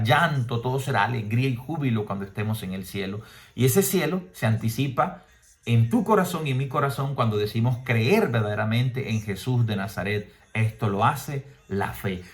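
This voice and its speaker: Male priest, homily delivery, emphatic, medium-pitched voice, rhetorical questions. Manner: mimics people in higher voices.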